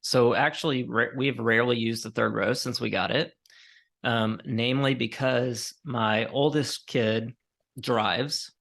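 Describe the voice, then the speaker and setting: A man in his forties co-hosting a podcast, telling a rambling story in a relaxed, tired way with many fillers. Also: medium pitch, a little slow, vocal fry. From Colorado, USA. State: tired, yawning. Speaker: podcast co-host. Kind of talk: casual chat.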